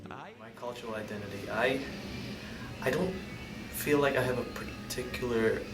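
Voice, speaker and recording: Over loud music, a young Indonesian man with a medium-pitched voice tells his own story in an interview at normal speed. He sounds hesitant, often restarting and searching for words, and the recording is roomy, with a distant mic and ambient noise.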